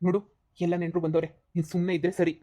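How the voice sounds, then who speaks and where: A woman's voice: lowish voice, little pitch movement, mellow, lightly acted. A woman doing a scolding short-tempered husband. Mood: angry. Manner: scolding, rapid, repeats insults. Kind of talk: cartoon comedy voice acting.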